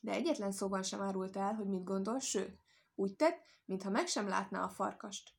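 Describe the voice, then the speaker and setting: A woman reading a folk tale aloud as storyteller, calm and measured. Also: mid-range voice, creaky, breathy edge.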